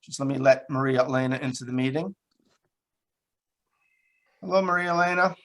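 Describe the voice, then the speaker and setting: A man of middle pitch chairs a town board meeting over a video call. He speaks in a plain, unpolished way, pausing often with fillers as he works through announcements. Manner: plain, halting, many fillers. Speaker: town supervisor.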